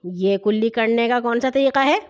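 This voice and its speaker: A woman voicing a strict, bossy elder brother who scolds in rapid-fire questions in a children's story. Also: on the high side, muffled recording, close to an everyday voice. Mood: stern. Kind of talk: storybook reading.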